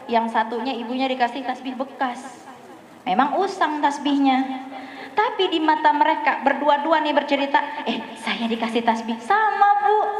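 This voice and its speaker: A woman with a Banjar Indonesian accent giving a chatty sermon to a women's gathering, often asking the audience questions and acting out prayers. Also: sits high. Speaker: preacher at a women's study gathering. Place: prayer hall. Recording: echoey, dull live-stream recording.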